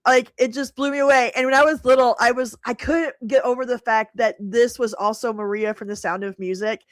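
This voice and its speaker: A woman's voice: a little high, steady tone, brisk, no echo, studio quality. A middle-aged woman hosting a live stream, chatting casually, laughing often and answering viewers by name.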